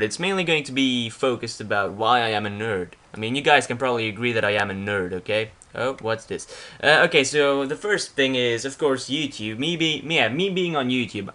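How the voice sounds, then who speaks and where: This young Flemish-accented man from Belgium, a Dutch speaker using English, casually narrates a slideshow about himself for his YouTube vlog, rambling with plenty of restarts and fillers. His voice is mid-range with a sharp tone.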